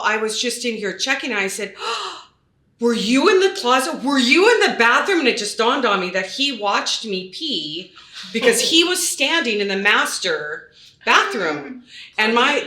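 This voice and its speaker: Bright-voiced woman telling a story. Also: mid-range voice. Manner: animated, acts out her own quotes. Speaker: real estate agent. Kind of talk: storytelling in a panel chat. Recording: roomy echo.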